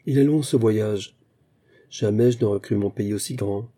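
Flighty young princess in a storybook reading, whimsical and chattering, as a man reads her, husky low voice. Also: normal speed, dark tone, lightly acted.

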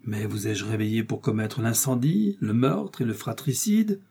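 A man's voice: on the low side, normal speed, vocal fry, mellow, husky. A man voicing a sinister, mocking man in a red coat, speaking with cold scorn in an audiobook reading. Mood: scornful.

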